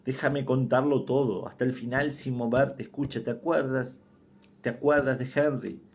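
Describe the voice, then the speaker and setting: A man's voice: medium pitch, steady tone, moderate pace, slightly rough. A man with an Argentine accent voicing a dying woman who confesses to her sister in a faltering, urgent voice. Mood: hushed confession. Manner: faltering, hushed, urgent pleading.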